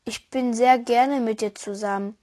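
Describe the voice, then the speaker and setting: A curious, friendly little girl full of eager questions, as a woman reading aloud puts her on, pitched a bit higher and louder than the narration. Her talk is cheerful and inquisitive, with a giggly lift. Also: steady tone, measured pace, lightly acted. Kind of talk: storybook voice acting.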